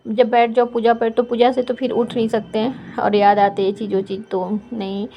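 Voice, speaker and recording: A woman vlogger narrating her video in a fast, chatty voice-over, with frequent fillers. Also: fairly high pitch, level tone, dull audio, a little hiss or hum. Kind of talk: casual vlog voice-over.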